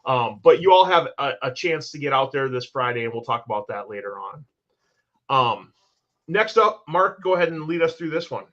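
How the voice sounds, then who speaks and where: A man's voice: medium pitch, expressive, moderate pace, fairly bright tone, dull audio. A man hosting a casual sports podcast, talking in an enthusiastic, rambling way with many restarts as he recaps match scores. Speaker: host.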